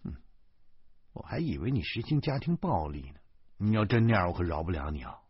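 A man voicing a middle-aged, sharp-tongued wife, who talks while cooking in an audiobook. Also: sits low, sing-song, brisk, husky, no echo, dull audio, pitched below the performer's own voice, exaggerated voice. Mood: huffy. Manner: scolding, half-teasing warnings.

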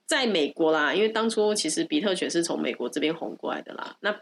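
Stuffy-nosed, low-voiced Taiwanese woman. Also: expressive, fast talker, gravelly, a little hiss or hum. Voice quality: nasal, stuffy nose. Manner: opinionated, explains at length, repeats for emphasis. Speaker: podcast co-host explaining dog topics. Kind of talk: casual explanatory chat.

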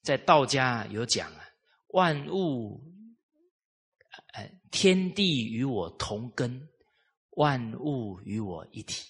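A man giving a live lecture on traditional culture, telling lively stories and putting rhetorical questions to the audience. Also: mid-range voice, slow pace, husky.

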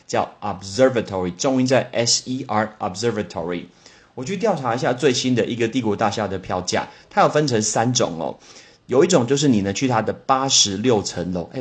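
Chatty Taiwanese Mandarin man teaching vocabulary. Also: mid-range voice. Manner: chatty and exclamatory, spells out English words letter by letter. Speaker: podcast host teaching English words. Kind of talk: casual solo podcast lesson.

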